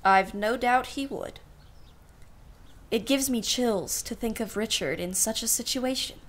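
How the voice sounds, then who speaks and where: Her fairly high, slightly bright voice moves a little slowly. She voices a wry, privately exasperated society aunt in a radio play, guarded and ironic, with arch formality and dry wit.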